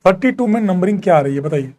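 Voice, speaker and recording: Teaching chemistry live in mixed Hindi and English, a man counts atom numbers aloud, reads and answers student questions, and teases and jokingly scolds his class. His high-pitched voice is quick and darkish, with lively intonation.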